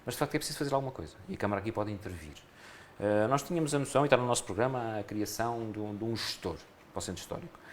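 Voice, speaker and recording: Man, European Portuguese accent, low pitch, rapid speech, earnest, restarts phrases, radio interview, faint background noise. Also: animated. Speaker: municipal election candidate.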